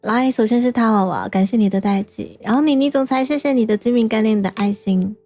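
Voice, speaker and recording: A woman's voice: a little high, fairly quick, mellow, faint music behind. A woman from Taiwan streaming as a VTuber, chatting casually, tired and exasperated, with self-mocking complaints and frequent exclamations. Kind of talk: casual livestream chat.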